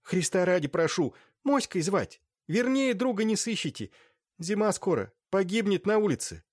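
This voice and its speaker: A man's voice: sits high, sing-song, normal speed, a little mellow, dry recording, studio quality, voice pushed up. A man doing a pleading poor boy. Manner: pleading, tearful. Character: poor young boy, cook's son, pleading.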